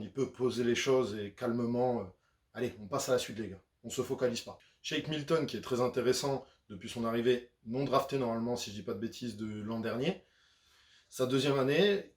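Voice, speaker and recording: A man's voice: mid-range voice, darkish tone, roomy sound. A man giving a casual, chatty breakdown of basketball, talking in a loose conversational way with frequent fillers. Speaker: basketball YouTuber. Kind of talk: casual sports analysis.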